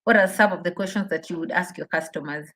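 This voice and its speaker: Casting: female webinar trainer, lowish voice, encouraging and interactive, prompts and repeats questions. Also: quick pace, fairly bright tone. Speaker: trainer leading an online business session. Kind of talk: interactive webinar teaching, reading out chat responses.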